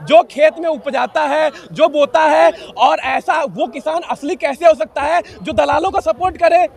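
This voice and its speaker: Hindi-accented man, high gravelly voice, heated argument at a rally, keeps repeating to hold the floor. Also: measured pace. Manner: insistent, repeats himself, talks over others. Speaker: farmer at a rally. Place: outdoor rally crowd.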